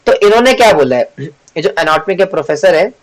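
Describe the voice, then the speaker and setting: Joking Gita class teacher, higher-voiced man. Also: animated, a little fast, rough recording. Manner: joking, chatty, teasing the audience; asks the class questions and answers them himself. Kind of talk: devotional class lecture.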